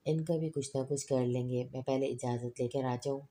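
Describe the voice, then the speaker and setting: A woman's voice: a bass voice, steady tone, warm tone. A woman reading the lines of an eager, overconfident young woman in a storybook, speaking in a pleading, eager way.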